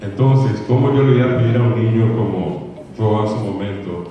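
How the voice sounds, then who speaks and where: A man's voice: fairly low pitch, normal speed, a little hiss or hum. Paraguayan man lecturing in an echoey hall. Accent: Paraguayan Spanish. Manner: earnest, repetitive, mimics children's mispronunciations. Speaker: congress speaker. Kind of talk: conference lecture. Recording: echoey hall from far off, dull.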